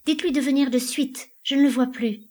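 A woman's voice: medium pitch, normal speed, natural voice. A woman voicing an anguished married woman in a dramatic play reading, pleading with panicked outbursts. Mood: anxious.

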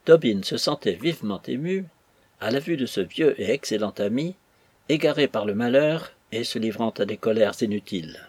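A man narrating an audiobook in a measured storytelling manner, with a husky voice. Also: medium pitch, expressive, a little mellow, no echo.

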